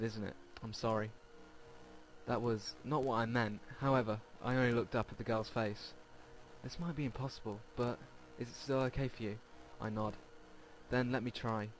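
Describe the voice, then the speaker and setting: Game music runs beneath a man's somewhat low voice as he reads visual novel text for his let's play, now and then fumbling a word. The audio quality is low.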